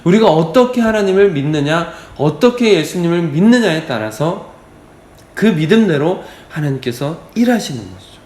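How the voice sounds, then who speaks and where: A pastor preaching an emphatic, repetitive sermon at a dawn prayer service in a church. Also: male voice, fairly high pitch, sing-song, normal speed, darkish tone. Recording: echoey church hall.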